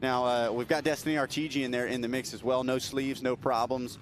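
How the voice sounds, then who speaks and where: A man's voice: medium pitch, little pitch movement. A young man doing live race commentary from an announcers booth, chatty and joking. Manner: chatty, joking, fast-talking. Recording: noisy outdoor race broadcast.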